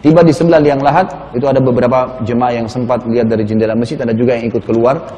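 Dark-voiced male preacher in a reverberant hall. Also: medium pitch, fairly even intonation, rapid-fire, dull audio. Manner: retells scenes with quoted dialogue, rises to urgent pleading. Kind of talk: sermon storytelling.

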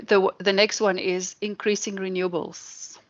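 A woman's voice: mid-range voice, little pitch movement, measured pace. Matter-of-fact female moderator, muffled. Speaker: moderator reading out audience suggestions. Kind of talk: reading out suggestions in a lecture. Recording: dull lo-fi recording.

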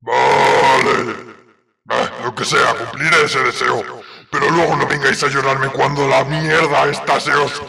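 Shenron, a man as a gravelly, distant eternal dragon. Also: medium pitch, flat delivery, a little slow, bright, forceful tone, heavily acted. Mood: sarcastic. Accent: Spain. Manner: jaded, sarcastic. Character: grumpy, sarcastic, foul-mouthed magical eternal dragon. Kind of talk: comedic anime parody dub. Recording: distant voice over background music.

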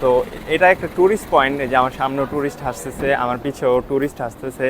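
A man filming a walking travel vlog outdoors, talking softly because he is tired and often checking in with his viewers. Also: mid-range voice, quick pace, background noise. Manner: keeps checking with "ঠিক আছে?". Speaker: travel vlogger. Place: outdoors on hilltop town streets.

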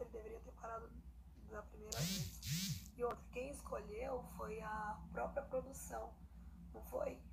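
A young adult Brazilian woman with a hoarse, breathy voice, giving a casual personal statement into a phone held at arm's length while lying down indoors. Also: a little high. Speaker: singer. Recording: noisy phone recording.

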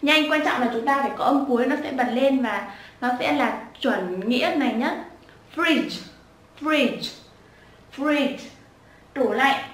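A woman teaching children pronunciation, repeating each word slowly and breaking it into sounds with patience. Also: high-pitched, fairly bright tone. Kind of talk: slow spoken lesson with repeated drills. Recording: echoey room, voice a bit far from the mic.

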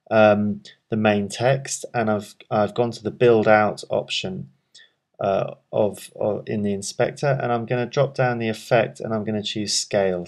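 Guy with a lowish voice doing a calm screen tutorial, lots of ums, talks you through each click. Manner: calm step-by-step explaining with frequent ums. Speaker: software tutorial presenter. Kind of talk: screen-recorded software walkthrough.

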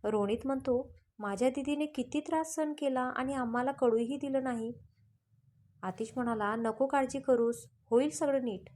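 A woman's voice: high voice, normal speed, mellow, a little hiss or hum. A woman narrating a scripted romantic story, reading every character's lines in her own voice. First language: Marathi.

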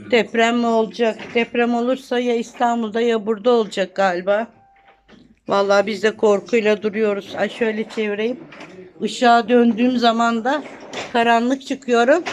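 A woman's voice: fairly high pitch, darkish tone, slight background noise. Chatty older grandmother vlogging at home. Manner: chatty, talks to viewers while minding a grandchild. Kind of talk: casual home vlog. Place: small apartment home indoors. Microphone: phone camera.

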